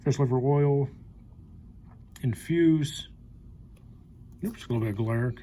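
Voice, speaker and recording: A young man with a medium-pitched, dark-toned voice speaks slowly, flipping through an old card collection and naming each card in an upbeat, chatty way. He's a card collector channel host, recorded on a handheld camera mic with a little hiss or hum.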